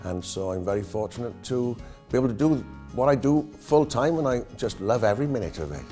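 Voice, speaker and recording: A man's voice: medium pitch, animated, brisk, mellow, soft background music. A Welsh man in his fifties, an entertainer, answering interview questions in a jokey, self-deprecating way. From Wales. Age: 50s.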